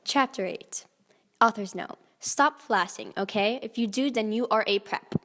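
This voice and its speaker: A woman narrates a theatrical, comedic dramatic reading of fan fiction, often breaking into laughter. Her medium-pitched voice is a bit bright and a little slow, and a long hall reverb colors the recording.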